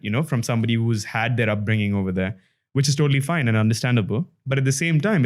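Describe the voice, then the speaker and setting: A man from Dubai, a podcast host, speaking in a reflective conversational way with many fillers and restarts. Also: medium pitch. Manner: thoughtful, with frequent fillers and restarts.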